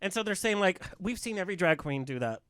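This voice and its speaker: A man's voice: high-pitched, lively intonation, fast, fairly bright tone, no echo. A man co-hosting a podcast, telling gossipy stories in a campy, casual way. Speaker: podcast co-host.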